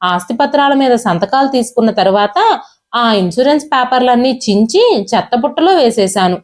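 A woman's voice: on the high side, animated, brisk, close to an everyday voice. A woman storyteller voicing a cruel, arrogant grown son who talks down to his father harshly. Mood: dismissive. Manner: harsh, dismissive, yelling.

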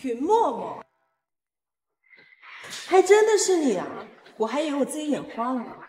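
An actress playing a haughty, spiteful elder sister in a drama, sneering and accusing. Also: female voice, high voice, very animated, moderate pace, dark tone, slight background noise.

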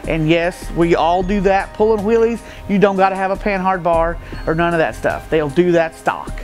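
With soft music playing behind him, a high-pitched man speaks at a moderate pace. He's a middle-aged Midwestern stock car racer giving a casual, matter-of-fact walkaround of his car, using many fillers. A camera a few feet away films him in an open metal shed with a gravel floor, close to the outdoors.

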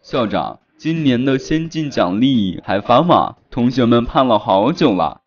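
A man voicing a kind, patient primary school teacher in an animated story, speaking mildly and politely. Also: medium pitch, moderate pace, voice pushed down, lightly acted. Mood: pleading. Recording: dull lo-fi audio.

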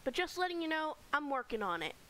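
High-voiced woman narrating a game. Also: sing-song, fast, bright, forceful tone, slight background noise, poor audio. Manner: chatty, rambling tour-guide narration with fillers. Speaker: gaming channel host. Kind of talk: casual Minecraft let's play commentary.

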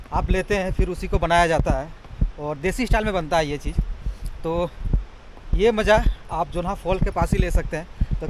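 A man's voice: high voice, background noise. A young man narrating a casual travel vlog outdoors in a forest, filming himself at arm's length and chatting about the sights. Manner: chatty, touristy, praising the sights. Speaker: travel vlogger. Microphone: phone or camera held at arm's length.

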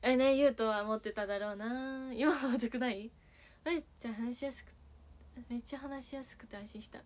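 Her voice sits on the high side, steady and a little fast, as she chats on her idol livestream. The young Kagawa native, with her Sanuki dialect, giggles and plays around while reading messages from fans.

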